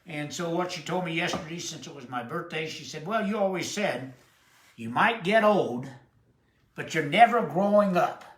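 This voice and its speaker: A man, preaching a sermon with emphatic, emotional delivery and drawn-out quotes. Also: fairly high pitch, animated, a bit bright. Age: 70s. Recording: echoey room.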